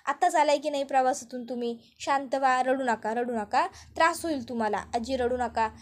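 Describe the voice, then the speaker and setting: A woman's voice: high-pitched, brisk, natural voice. A woman doing a scheming young wife faking sympathy. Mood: fake soothing. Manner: falsely soothing.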